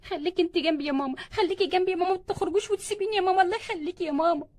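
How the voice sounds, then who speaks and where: A woman with an Egyptian Arabic accent voicing a young doll mother in labor, high and pleading. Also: very fast, a little mellow. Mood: clingy begging.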